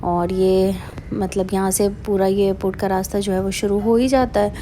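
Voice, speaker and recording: A woman tells her travel story in a chatty, casual vlog voice-over. She talks as a mother, loosely and warmly paced, with frequent fillers and English words mixed in. Her pitch is ordinary for a woman. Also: steady tone, normal speed, slight background noise. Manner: chatty, with many fillers and Hindi-English mixing. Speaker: vlogger mother.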